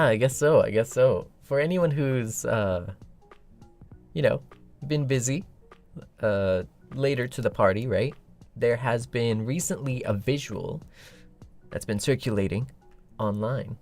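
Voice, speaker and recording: A man hosting a casual livestream, rambling playfully with a slightly rough morning voice. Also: medium pitch. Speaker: livestream host. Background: background music.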